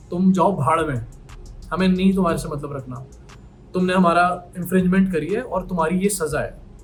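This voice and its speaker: A young man talking straight to his viewers, earnest and a little worried, mixing Hindi with English phrases. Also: high voice. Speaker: YouTuber. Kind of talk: talking to camera.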